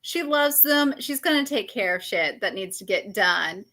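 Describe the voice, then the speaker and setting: A woman's voice: mid-range voice, animated, normal speed, pushed and bright. A woman chatting casually as a co-host, retelling a comic in slangy style and quoting the characters with animation. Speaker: co-host of a comic book review show. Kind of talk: casual chat, recapping a comic.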